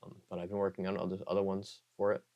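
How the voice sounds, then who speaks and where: A man who hosts an ASMR channel, talking softly with a strained throat and rambling, often correcting himself and slipping into whispers. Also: sits low, completely flat delivery, quick pace, dull audio. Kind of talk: soft-spoken ASMR outro chat.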